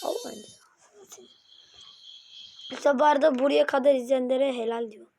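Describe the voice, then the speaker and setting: A woman giving excitable, slangy reaction commentary as a YouTuber, yelping whenever something scares her. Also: sits high, a little fast. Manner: excitable, jumpy and slangy, yelps when scared. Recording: loud background noise.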